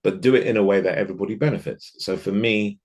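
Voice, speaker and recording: A man's voice: lowish voice, quick pace, a little mellow. A man from the UK, a podcast guest talking in a casual interview, reflective and thinking aloud with frequent restarts.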